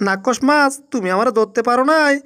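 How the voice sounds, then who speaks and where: A woman's voice: a little high, brisk, fairly bright tone, clean tone, natural voice. A woman voicing a boastful, easily panicked male cat in a Bangla cartoon dub, full of exclamations. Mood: gloating. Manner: rhyming boasts, exclamatory wailing.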